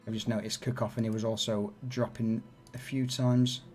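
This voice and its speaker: A man's voice: fairly low pitch, little pitch movement, moderate pace, darkish tone, faint music behind. A man running a tabletop game, explaining things in an informal, casual way. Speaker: game master.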